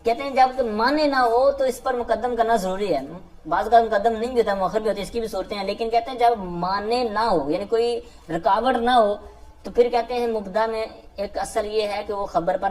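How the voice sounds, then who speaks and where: A woman teacher with a Pakistani Urdu accent patiently explains a classical grammar text, restating each point and pausing on fillers. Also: medium pitch, darkish tone.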